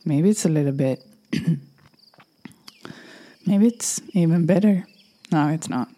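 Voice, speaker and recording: A woman hosting a motivational solo podcast, her voice going hoarse, talking unhurriedly and slipping into soft whispered asides. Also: low voice. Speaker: podcast host.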